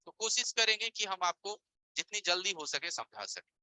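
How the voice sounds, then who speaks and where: Man teaching with a very bright voice. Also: high-pitched, very animated, moderate pace, clear, resonant tone, rough recording. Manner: explains with everyday examples and asks rhetorical check-in questions. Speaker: mobile repair teacher. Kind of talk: live online class. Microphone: voice-over on a screen-share stream.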